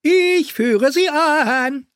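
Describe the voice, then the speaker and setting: A man voicing a giddy, half-mad male jester who speaks slowly in a stuttering singsong. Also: very high-pitched, expressive, fairly bright tone, no echo, studio quality, voice pushed up, heavily acted. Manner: singsong, stuttering, slow and drawn out.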